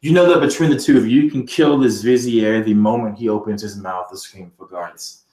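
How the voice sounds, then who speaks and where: Man with a low voice narrating a tabletop game. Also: brisk, warm tone, echoey room, recorded from a distance, poor audio. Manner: vivid, theatrical description. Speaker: game master.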